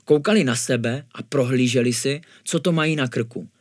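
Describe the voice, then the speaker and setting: A man narrating a children's spooky story in a calm, even storytelling manner. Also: medium pitch, dry recording, studio quality.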